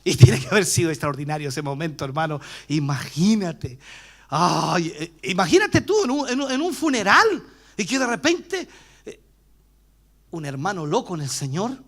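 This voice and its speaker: A male pastor with a Chilean accent preaching a dramatic sermon in a church, jumping between loud cries and hushed whispers and acting out the voices of the people in his story. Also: high-pitched, sing-song, normal speed. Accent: Chilean Spanish. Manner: acts out bystanders' voices while retelling.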